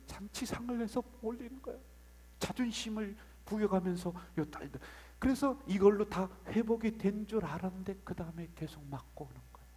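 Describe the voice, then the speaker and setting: A male pastor giving a dramatic sermon in a church, swinging between loud outbursts and hushed whispers. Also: mid-range voice, a little hiss or hum. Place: church sanctuary. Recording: long church hall reverb.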